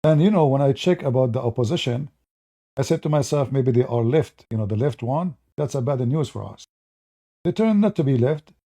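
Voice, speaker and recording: Here a man of medium pitch speaks fairly quickly, giving his viewers meandering political commentary laced with mockery. The tone is mellow and relaxed, and he keeps going back to restart his sentences.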